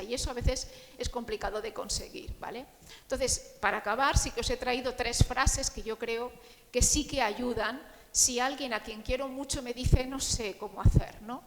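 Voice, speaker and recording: Woman counselor giving a talk in a big echoey hall, voice a bit high, keeps checking in with the crowd. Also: a little hiss or hum. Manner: warm, conversational, often asks the audience "¿no?" and "¿vale?"; acts out the quoted voices of friends and grieving people. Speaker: grief counselor speaking at a panel. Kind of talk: talk to a live audience.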